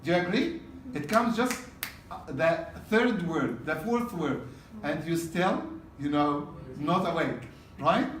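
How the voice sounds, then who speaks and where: A man lecturing a class on exam preparation, his voice sitting a bit high for a man and heard from across an echoing room. He talks in loose spoken bursts and keeps checking that students follow him. The recording is roomy, with faint noise underneath. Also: lively intonation, takes it slowly, hardly any pauses, a bit bright, distant mic. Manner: repetitive, checks in with "okay?". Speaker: exam prep teacher.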